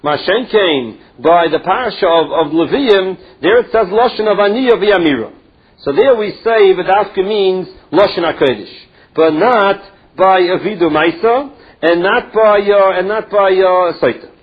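Husky high-voiced man teaching Talmud. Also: animated, lo-fi sound. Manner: halting, explains each phrase in English. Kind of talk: Talmud study lesson.

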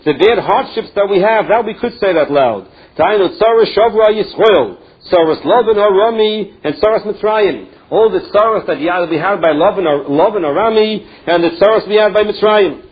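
A man teaching a Talmud lesson, reading the text and explaining it phrase by phrase with halting restarts. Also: high voice, slightly rough, dull audio.

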